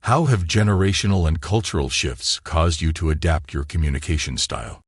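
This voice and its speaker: A man reading prepared interview questions in a measured, scripted way. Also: extremely low pitch, lively intonation, breathy edge, no room sound, clean studio sound. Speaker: podcast narrator.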